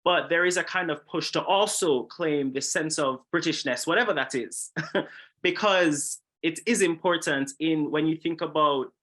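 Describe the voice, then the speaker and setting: A man's voice: a little high, unhurried, fairly bright tone. A young man from Jamaica, a filmmaker, talking thoughtfully in a casual interview. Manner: thoughtful, with frequent restarts and laughs. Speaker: filmmaker guest.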